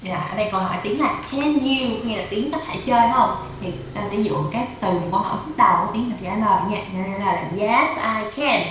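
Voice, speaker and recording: A woman's voice: mid-range voice, fast talker, few pauses, fairly bright tone. A woman tutoring a child in English over a video call, patiently explaining step by step, with a Vietnamese accent. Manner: patient, repeats and explains step by step, code-switches with English drills. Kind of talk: online English lesson for a child. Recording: echoey room, faint noise.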